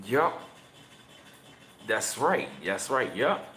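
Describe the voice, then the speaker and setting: A man in his thirties hosting a casual livestream, chatting with viewers in slangy talk and reading passages aloud, his voice jumping high whenever he gets emphatic. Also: drawn-out words, roomy sound, slight background noise. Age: 30s. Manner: excitable, voice jumps high when emphatic, slangy. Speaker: channel host.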